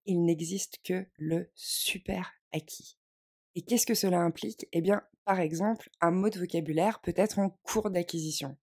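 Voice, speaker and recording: A woman teaching an online language lesson, speaking in a clear, measured, reassuring way and stressing key phrases. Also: fairly low pitch, darkish tone. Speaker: English teacher.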